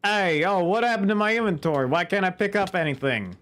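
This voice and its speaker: A man voicing a brash, playful New York guy in a put-on New York accent, loud and excitable. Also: high-pitched, a little fast, voice pushed up. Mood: excited.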